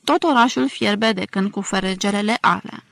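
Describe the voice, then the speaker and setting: A woman's voice: mid-range voice, creaky, no echo, natural voice. A woman reading the lines of a proud, chatty male innkeeper who likes to stir up talk, in an eager, slightly raised voice.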